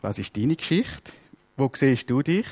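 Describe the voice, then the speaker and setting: Swiss German preacher, lively storyteller. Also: male voice, medium pitch, a little slow, husky. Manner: lively storytelling, acting out voices. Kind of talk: sermon.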